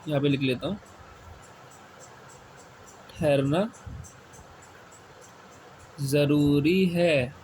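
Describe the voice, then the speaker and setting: Male tutor, fairly high voice, patient classroom lecture, repeats each point, faint hiss behind. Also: a little mellow. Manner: asks questions and answers them himself, repeats key words slowly. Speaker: Quran reading teacher. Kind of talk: step-by-step classroom explanation. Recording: faint background noise.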